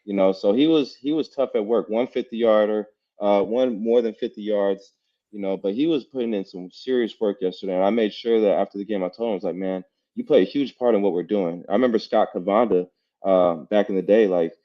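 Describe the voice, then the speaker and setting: A man's voice: fairly low pitch, fairly quick. A man co-hosting a casual sports talk show, talking loosely with lots of "you know" and repeated phrases. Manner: relaxed, repeats himself, many "you know"s. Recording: dull lo-fi sound.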